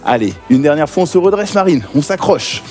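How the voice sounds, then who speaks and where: A man leading a guided workout class, giving energetic, encouraging cues and counts. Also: on the high side, fairly quick, over music. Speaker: fitness coach.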